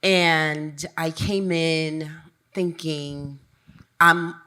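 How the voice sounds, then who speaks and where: A woman's voice: sits low, fairly even intonation, extremely slow, bright, forceful tone, clear, resonant tone. A woman from Honduras, speaking as an advisor on a panel, reflective and searching for words as she talks. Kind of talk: panel discussion.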